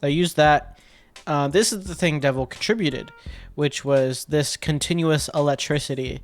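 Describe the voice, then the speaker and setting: A man with a fairly high voice talks at a moderate pace, casually walking through his sound design work step by step as a video editor. Music tracks and sound effects are demonstrated in the background.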